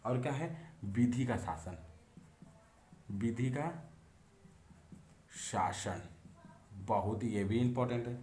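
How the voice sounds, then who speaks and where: A man's voice: medium pitch, normal speed, mellow. A man teaching civics for competitive exams. He drills each key term over and over and keeps quizzing with rhetorical questions. He is recorded in an echoey room with a faint hum behind him. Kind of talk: exam-prep civics lesson.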